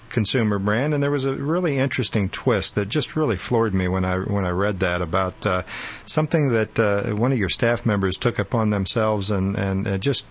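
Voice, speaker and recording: A man's voice: lowish voice, vocal fry. A man co-hosting a radio show, asking long questions with many fillers and restarts. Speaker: co-host.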